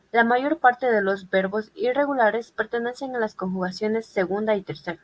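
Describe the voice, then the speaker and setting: A woman's voice: on the high side, poor audio. A woman reading a group class presentation on irregular verbs, listing examples methodically. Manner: methodical listing of verb forms. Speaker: student presenter.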